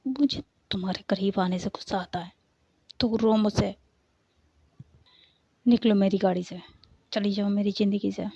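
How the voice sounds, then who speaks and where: A woman's voice: mid-range voice, fairly even intonation, normal speed, vocal fry, long pauses, dark tone, breathy edge, dry recording, dull audio. A woman voicing a cold, angry young woman who speaks curtly and with threat. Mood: cold anger. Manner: curt, harsh, threatening.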